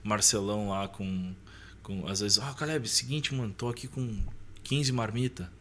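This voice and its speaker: Speaking at normal speed, a man in his thirties with a Brazilian accent casually tells personal stories as a podcast guest. His voice is fairly low and fairly bright with fairly even intonation, and there's a little hiss or hum. He uses colloquial slang and often seeks agreement with short tags.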